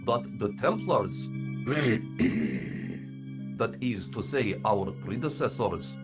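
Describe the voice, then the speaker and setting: An actor playing a pedantic, defensive professor in a video game, with wordy explanations. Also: male voice, fairly low pitch, very animated, extremely slow, gravelly, over music, exaggerated voice. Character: pedantic professor in a secret order.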